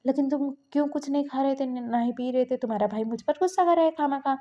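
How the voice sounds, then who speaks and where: A woman's voice: sits high, quick pace, warm tone, lo-fi sound, voice pushed up, lightly acted. A woman voicing a young man recovering in bed who answers others curtly and dismissively, in a read-aloud fan story. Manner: curt, dismissive.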